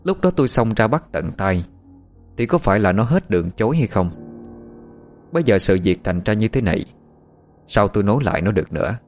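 A man narrating a first-person story in a steady, calm storytelling manner. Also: lowish voice, brisk, long pauses, faint music behind.

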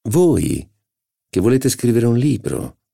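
A man's voice: mid-range voice, big pitch swings, takes it slowly, gravelly, dark tone, voice pushed up, exaggerated voice. A man reading an audiobook, voicing a haughty, insolent aristocratic duchess with a drawling, incredulous, mocking manner. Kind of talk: audiobook character voice.

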